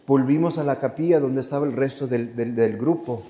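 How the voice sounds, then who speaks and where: A man's voice: mid-range voice, a little fast, warm tone, slight background noise. A man, an Augustinian friar, telling a personal testimony in a parish church, acting out quotes and dropping into English phrases. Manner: vivid storyteller who acts out quotes and slips into English phrases. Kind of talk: storytelling testimony. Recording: long church reverb.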